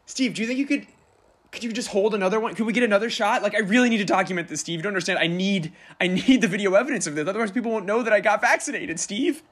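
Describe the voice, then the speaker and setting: A man's voice: high voice, racing, fairly bright tone, voice pushed up. A man playing an overexcited young man who pushes and whines about getting his shot, in an improvised comedy sketch over a video call. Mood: pleading. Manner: pushy, whiny, needy.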